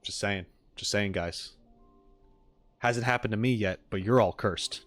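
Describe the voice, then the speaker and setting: A fairly low-pitched, slightly bright voice, going a little slow, belongs to a man hosting a reaction livestream on game content. He banters playfully with viewers, wanders, and repeats himself. Soft background music plays.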